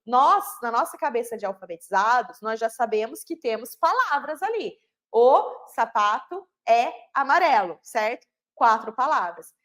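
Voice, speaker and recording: A woman with a high voice and a Brazilian Portuguese accent teaches literacy in an online class. She explains patiently, often posing a question and answering it herself. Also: a bit bright.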